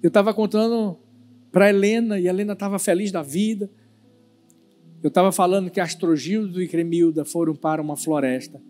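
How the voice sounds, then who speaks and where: A male pastor giving a sermon as an animated storyteller who uses dramatic pauses. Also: sits high, faint music behind.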